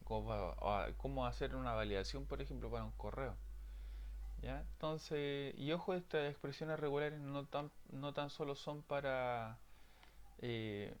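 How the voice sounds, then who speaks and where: A man's voice: medium pitch, measured pace, slight background noise. A man teaching programming in a screen-recorded lesson, checking in often with his students. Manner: frequent "¿ya?" check-ins, explanatory.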